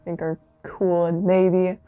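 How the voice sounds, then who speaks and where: A young woman co-hosting a podcast, laid-back and quick with jokey reactions. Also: on the low side, flat delivery, phone-quality sound, soft background music. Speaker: podcast co-host. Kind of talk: casual podcast chat. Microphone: studio mic.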